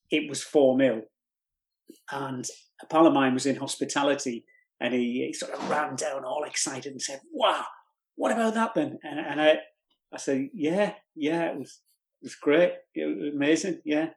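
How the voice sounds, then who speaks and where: A man's voice: a little high, steady tone, moderate pace. Older North East man telling a story. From North East England. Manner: rambling storyteller with many restarts. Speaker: guest, regional TV presenter. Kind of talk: casual podcast chat.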